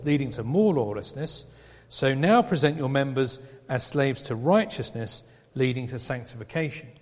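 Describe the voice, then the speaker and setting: A man preaching an expository sermon, explaining a passage in a measured way with pauses and restarts. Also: medium pitch, a little mellow. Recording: long reverb of a hall.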